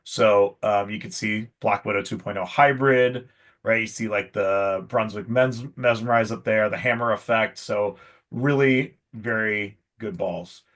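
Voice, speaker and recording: Male host, lower voice, easygoing live-stream banter, salesy and filler-heavy. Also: unhurried, fairly bright tone. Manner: chatty, salesy, many fillers. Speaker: pro shop host. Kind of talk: casual live stream chat.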